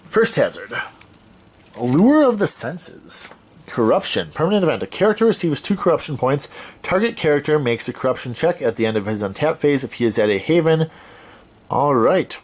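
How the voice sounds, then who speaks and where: A man's voice: on the high side, very animated, normal speed. A man hosting a let's-play of a solo card game, thinking aloud as he reads out card text and corrects himself as he goes.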